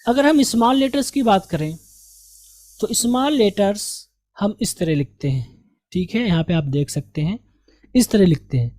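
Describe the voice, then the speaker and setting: A man's voice: high voice, animated, moderate pace, darkish tone. A man teaching English letters in a patient, repetitive lesson, asking and answering his own questions. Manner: patient, repeats and asks questions to the learner. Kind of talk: slow spoken lesson.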